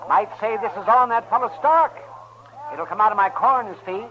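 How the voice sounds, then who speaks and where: A muffled old radio recording of a crusty country doctor. His voice is notably high, with folksy, wry western-drama delivery. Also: animated, a little fast. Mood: wry, consoling. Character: crusty, folksy male frontier town doctor.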